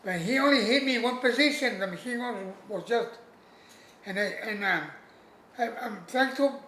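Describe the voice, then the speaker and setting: Elderly male veteran remembering his war; high, bright voice, halting and repetitive, plain-spoken. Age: elderly, over 80. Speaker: war veteran being interviewed. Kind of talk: old veteran remembering, informal oral history. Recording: roomy echo, faint background noise.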